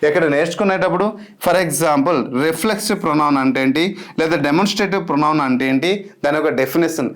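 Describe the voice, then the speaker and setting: A man's voice: on the high side, fast. A young man with a Telugu accent lecturing as an exam-prep teacher, emphatic and repeating key words.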